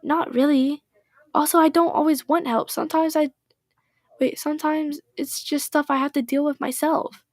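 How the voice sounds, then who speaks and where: A woman voicing a blunt, touchy teenage girl as she reads game dialogue aloud, with a sharp, defensive manner. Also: high-pitched, fairly even intonation, normal speed, no echo, studio quality.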